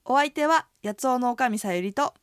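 A woman's voice: fairly high pitch, moderate pace, clear, resonant tone, no room sound, clean studio sound. A woman who runs an inn, co-hosting a radio language lesson and explaining phrases in a friendly, explanatory way. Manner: lively, explanatory, friendly presenting. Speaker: inn proprietress and co-host.

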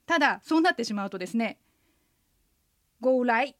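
A woman, an interpreter guide, co-hosting a radio language lesson and leading the listeners through patient, clear pronunciation drills. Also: on the high side, expressive, very fast, fairly bright tone, no room sound, studio quality.

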